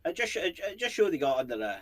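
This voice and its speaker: A Scottish man with a high, sing-song voice talks fast while co-hosting a paranormal channel. His casual chat rambles, jokes around and includes plenty of swearing.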